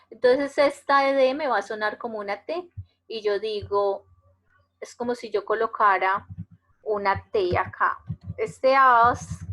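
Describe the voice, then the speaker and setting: Slow, bright-voiced woman teaching English. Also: on the high side, poor audio. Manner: slow, patient explaining, repeats words to model pronunciation. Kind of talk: online class lecture. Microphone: computer mic on a web conference.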